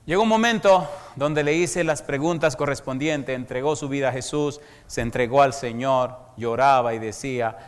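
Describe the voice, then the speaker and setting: A pastor delivers an evangelistic sermon in a clear, resonant mid-range voice at normal speed, with hardly any pauses. He tells a story dramatically and speaks bluntly, and the recording carries long hall reverb.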